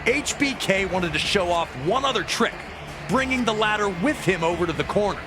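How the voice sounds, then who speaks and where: Loud music plays behind this man as he narrates wrestling in a scripted, documentary-like style, telling the story dramatically. His voice is high, with lively intonation and a normal speed.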